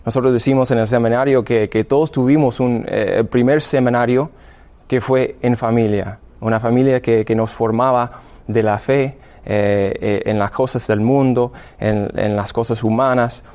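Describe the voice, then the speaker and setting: Giving radio interview testimony, a seminarian guest in his 30s speaks halting Spanish, restarting often. He's an English-speaking American from Illinois with an American English accent, and his voice is medium-pitched, steady and darkish.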